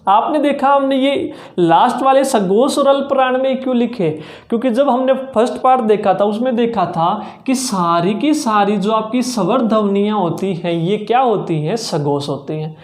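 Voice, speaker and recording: A teacher giving an exam-prep grammar lesson, drilling slowly and sounding out each letter aloud to demonstrate. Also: mid-range voice, a little mellow. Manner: slow, repetitive drilling with frequent "ठीक है" checks. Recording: roomy echo.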